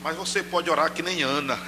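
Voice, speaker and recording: Animated preacher in reverb. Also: male voice, fairly high pitch, normal speed, noisy background. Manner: animated preaching, addresses congregation directly, acts out shouted cries. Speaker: pastor. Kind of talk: sermon. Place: church. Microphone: handheld microphone.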